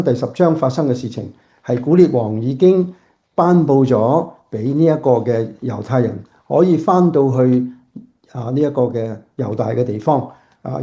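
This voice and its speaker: Man preaching from his house, real dark warm voice, stops and restarts a lot. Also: medium pitch, gravelly. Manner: halting, with frequent restarts. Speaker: pastor. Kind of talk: sermon. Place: at home.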